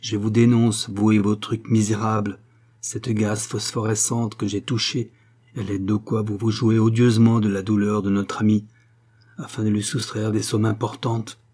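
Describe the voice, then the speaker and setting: A stern doctor threatens and accuses in a hard tone, read by a male audiobook narrator. The voice is dark and husky. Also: fairly low pitch, level tone, moderate pace, close to an everyday voice. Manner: harsh, accusing.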